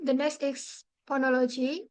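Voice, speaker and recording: A woman's voice: high-pitched, level tone, normal speed, a little mellow, poor audio. A woman student presenting a class talk, reading carefully from notes and restarting words.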